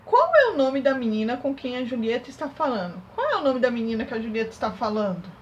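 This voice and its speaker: A woman teaching a young class remotely, working through exercises step by step and sounding out syllables slowly. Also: a little high, big pitch swings, dull audio, slight background noise. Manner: slow, syllable-by-syllable dictation. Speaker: primary school teacher.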